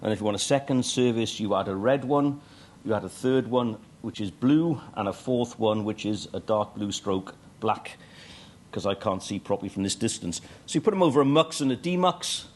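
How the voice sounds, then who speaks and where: A middle-aged man on a conference hall stage gives a technical talk, mixing dry humour with frequent ums and uhs. He speaks at a moderate pace in a lowish voice.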